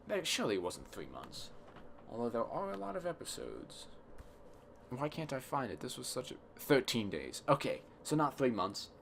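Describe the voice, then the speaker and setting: A tired young man rambling casually on a solo podcast, thinking aloud in a self-deprecating way, with a slightly cracky voice and soft, imprecise R sounds. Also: mid-range voice, sing-song, normal speed, vocal fry, slight background noise. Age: young adult. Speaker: podcast host. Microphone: close podcast microphone.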